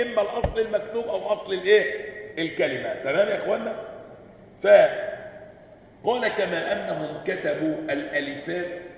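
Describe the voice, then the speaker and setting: A man's voice: on the high side, a bit bright, a little hiss or hum. A man with an Egyptian Arabic accent, a sheikh teaching a class. He reads a text aloud and explains it, keeps checking in with rhetorical questions, and spells out words letter by letter. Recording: echoey hall, voice from far off.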